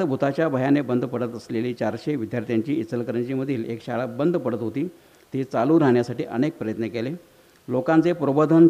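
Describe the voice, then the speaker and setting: A man reads a formal introduction of a guest speaker, listing achievements in a steady way. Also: mid-range voice. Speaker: event host introducing the speaker. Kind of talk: formal introduction read from notes.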